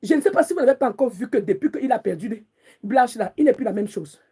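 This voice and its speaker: Woman, high voice, fierce emotional preaching, repetitive calls to God. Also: expressive, quick pace, warm tone, slightly rough. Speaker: prophetess. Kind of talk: impassioned preaching rant.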